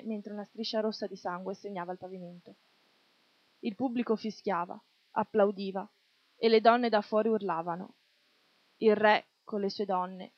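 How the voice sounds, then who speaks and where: A woman reading a literary short story aloud in a steady, measured way. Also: mid-range voice, no echo. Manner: steady measured reading, voicing shouts in quotes. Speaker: reader. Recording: dull lo-fi dry recording.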